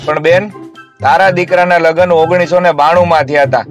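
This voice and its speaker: A man with a high voice rattles off short jokes in a deadpan delivery and voices the quoted lines himself. Clear music plays under his voice throughout. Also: moderate pace. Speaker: joke teller. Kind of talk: reciting jokes.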